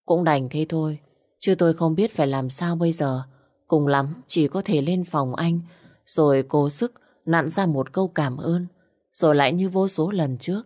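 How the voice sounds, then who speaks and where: A woman's voice: low voice, darkish tone. A woman narrating a first-person story and reading every character's lines in her own voice.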